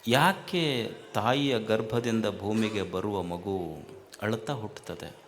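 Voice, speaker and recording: Male preacher, unhurried and repetitive, faint ambience behind. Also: fairly low pitch, slight background noise. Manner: slow, repeating lines for stress, rising to loud emphatic questions. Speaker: swami giving a spiritual discourse. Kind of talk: sermon to a crowd.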